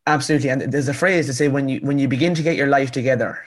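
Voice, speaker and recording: This interview guest is a young Irish author from County Cavan, in his twenties, with a rural accent and a mid-range voice. He talks very fast in an earnest, emphatic, conversational way, repeating phrases to drive his story home.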